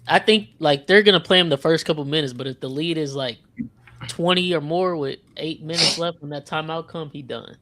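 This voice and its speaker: A man co-hosting a sports podcast, reacting to a live game with excitable, profane commentary. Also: a little high, a little fast, slight background noise. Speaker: podcast co-host.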